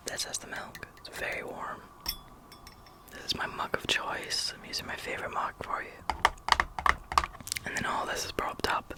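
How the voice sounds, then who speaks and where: A young woman whispering a rambling, chatty ASMR video as its host. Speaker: ASMR creator.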